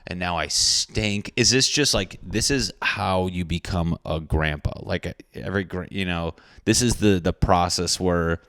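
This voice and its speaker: Deep-voiced man rambling on his podcast. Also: measured pace, hardly any pauses, a bit bright, no echo, studio quality. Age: 30s. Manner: rambling, crude and self-mocking. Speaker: podcast host. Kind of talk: casual solo podcast monologue.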